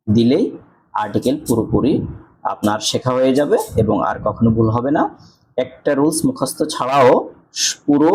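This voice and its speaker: A man with a Bangladeshi accent teaching English articles, reading example sentences slowly and answering his own questions. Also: medium pitch, darkish tone, slight background noise, rough recording. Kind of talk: grammar lesson.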